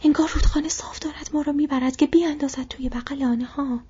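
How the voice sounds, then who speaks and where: A woman's voice: high-pitched, steady tone, mellow, muffled recording, voice pushed up, close to an everyday voice. A woman voicing a loyal, plain-spoken hobbit man in a grumbling whispered role-play.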